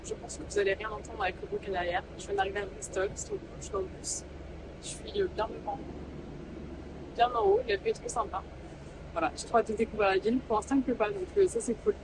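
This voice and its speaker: A woman's voice: mid-range voice, very animated, quick pace, very noisy. Chatty French-speaking woman vlogging outdoors. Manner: chatty and easygoing, many fillers. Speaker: travel vlogger. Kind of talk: casual travel vlog. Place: outdoors in a city, partly on a bus.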